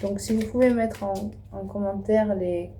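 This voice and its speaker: A woman reading oracle card messages aloud in a slow, gentle, soothing way, addressing her viewers. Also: mid-range voice, fairly even intonation, a little hiss or hum.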